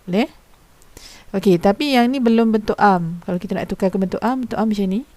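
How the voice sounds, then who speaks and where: Woman, teacher, patient explaining, rhetorical questions, warm tone, dry sound. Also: mid-range voice, a little fast, dry recording. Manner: informal teacher's speech with frequent fillers. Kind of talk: recorded classroom lesson.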